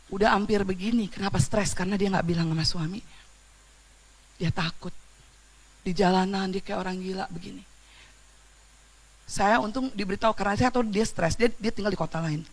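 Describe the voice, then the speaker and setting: A woman preaching a sermon in church, casual and lively, swinging between loud exclamations and quiet storytelling, with slang and questions to the congregation. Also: medium pitch, vocal fry.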